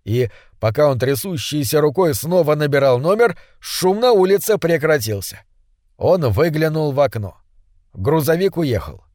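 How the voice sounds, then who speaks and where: A man narrating a story with an even, measured reading. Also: a little high, no echo, clean studio sound.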